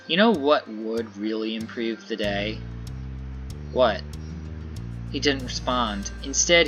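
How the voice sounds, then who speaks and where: A man playing through a visual novel, reading the narration aloud and adding casual comments on his choices. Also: medium pitch. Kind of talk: story game playthrough with commentary.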